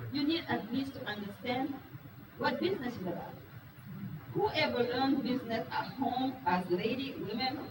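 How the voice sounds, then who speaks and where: A woman with a voice on the high side presents at a business talk in a meeting room before a live audience. Her first language is Wolof; her manner is frank and earnest, with questions directed at listeners, and the far-off mic records echo and noise.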